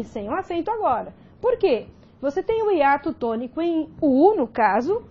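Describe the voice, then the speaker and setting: A woman's voice: sits high, highs cut off. A Brazilian woman teaching a recorded grammar lesson, explaining step by step and often checking in with tag questions. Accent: Brazilian Portuguese.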